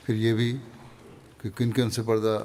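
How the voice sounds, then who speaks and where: Low-voiced man preaching a sermon. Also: monotone, darkish tone, long reverb tail. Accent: Pakistani Urdu. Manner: measured, reads and explains quoted passages. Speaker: religious leader giving a Friday sermon.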